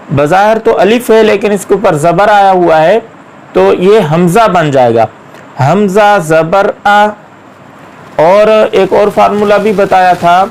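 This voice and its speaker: Male teacher, high register, unhurried delivery, patient syllable-by-syllable drilling. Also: low-quality recording. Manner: patient, drawn-out syllable-by-syllable spelling. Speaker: Quran reading teacher. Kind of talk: slow step-by-step recitation lesson.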